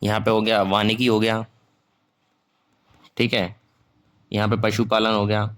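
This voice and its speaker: A man's voice: fairly low pitch, completely flat delivery, a little slow. A young man teaching an online class, dictating notes in a casual way. He mixes Hindi and English, stops to check in after nearly every phrase and corrects his own slips aloud.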